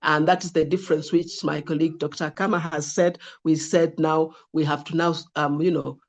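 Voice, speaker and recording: A woman lecturer moderates student presentations in an online class, speaking in a directive, instructive manner. Her voice is deep, with little pitch movement, at a normal speed.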